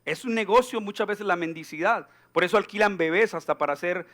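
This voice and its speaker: A man preaching a sermon as pastor in a church, animated and joking, acting out the people he quotes. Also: high-pitched, fairly quick.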